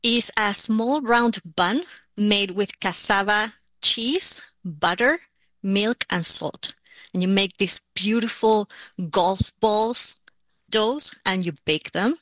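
A woman, speaking at an ordinary pitch. She answers interview questions casually and descriptively, with a light dry humour. The sound is close and dry, with no room around it. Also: takes it slowly, a bit bright, no room sound. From Argentina. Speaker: listener interviewee.

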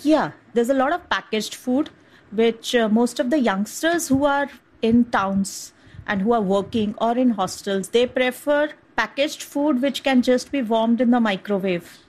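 A woman doctor explaining things in an interview, pausing and hesitating as she goes. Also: on the high side, darkish tone, rough recording.

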